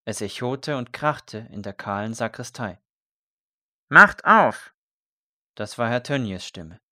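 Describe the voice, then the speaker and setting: A man narrating a historical story in measured audiobook style. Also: on the low side, a bit bright, dry recording, clean studio sound.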